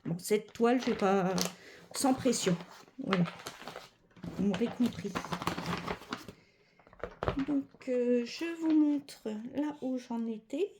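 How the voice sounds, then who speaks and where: A woman's voice: on the high side, takes it slowly, pauses often, background noise. A woman chatting casually as a cross-stitch vlogger, rambling with many fillers and self-corrections. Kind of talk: casual chat.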